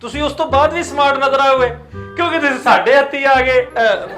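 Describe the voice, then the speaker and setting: A sneaky assistant doctor with a high voice, tossing sarcastic asides. Music plays underneath. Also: male voice, fairly quick, pushed and bright. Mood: sly. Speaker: second doctor in a comedy skit.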